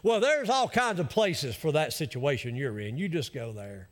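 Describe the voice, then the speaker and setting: A man's voice: a little high, lively intonation, moderate pace. A man with an Appalachian accent preaching a conversational sermon in a folksy, emphatic way, acting out what people might say. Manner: folksy, emphatic, acts out imagined objections. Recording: reverberant hall.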